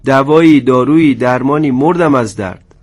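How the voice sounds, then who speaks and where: A man's voice: mid-range voice, a little mellow, lightly acted. A man voicing a wounded sergeant who moans and begs for help. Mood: pleading. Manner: moaning, pleading. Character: wounded male sergeant, whining and pleading.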